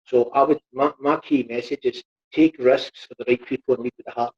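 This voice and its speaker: Hesitant man, dark husky voice. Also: medium pitch, fairly even intonation, a little fast. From Scotland. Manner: hesitant and earnest. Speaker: panel guest. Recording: dull, muffled call audio.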